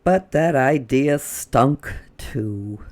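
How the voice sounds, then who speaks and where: With a bass voice, this woman performs a picture book for children as a storytime reader. Expect lively expression, dramatic pauses, and moments where she drops to a whisper.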